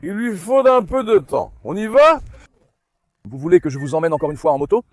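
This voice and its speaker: A man vlogging outdoors in a garden, calling and coaxing his puppies in a lively, animated way and talking to his viewers. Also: high voice, fairly quick, dry recording. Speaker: dog breeder vlogger. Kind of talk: casual vlog talk to puppies and viewers.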